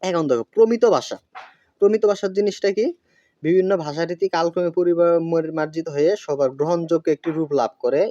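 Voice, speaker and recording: A man's voice: fairly high pitch, fairly quick, warm tone, lo-fi sound. A man teaching a school grammar lesson. He asks questions and answers them himself, with many fillers.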